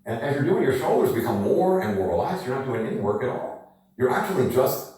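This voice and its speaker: A man demonstrating energy exercises to the camera, talking in a lively, coaxing way and asking rhetorical questions. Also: medium pitch, fairly quick, slight background noise. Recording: very echoey room, voice from a distance.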